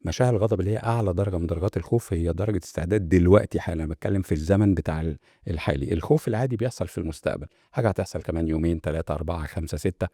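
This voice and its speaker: A man's voice: low voice, very fast, warm tone, breathy edge, no room sound, clean studio sound. A man with an Egyptian accent hosting a casual self-help talk. He speaks to viewers directly, with many fillers and restarts. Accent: Egyptian Arabic. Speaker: host.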